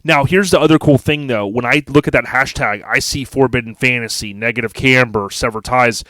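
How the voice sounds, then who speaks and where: A man's voice: mid-range voice, fairly quick, bright, forceful tone. An American man hosting a casual podcast chat, talking enthusiastically and speaking straight to his listeners. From United States. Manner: enthusiastic, addresses listeners directly. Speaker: podcast host.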